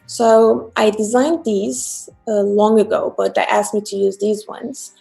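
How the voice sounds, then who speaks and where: On a live stream, a female illustrator and digital artist from Istanbul, Turkey, casually discusses her work over a remote video call from home. Her Turkish-accented, medium-pitched voice is mellow and unhurried, with fairly even intonation and vocal fry, and faint music plays behind her.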